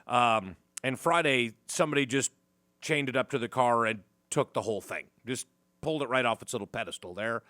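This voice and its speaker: A man hosting a morning talk radio show, joking wryly and rambling through the day's news with lots of ums and uhs. His voice is close and dry in a studio mic, sitting at an ordinary middle pitch. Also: brisk, bright, forceful tone, no echo. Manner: wry, joking, lots of fillers. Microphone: studio microphone.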